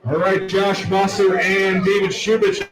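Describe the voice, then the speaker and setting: A man briskly announces matches and winners in a large ballroom. His voice sits high and is heard from far off, ringing through the hall. A crowd roars around him. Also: completely flat delivery. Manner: brisk, calls names and results. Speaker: tournament announcer. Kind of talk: event announcing over a PA.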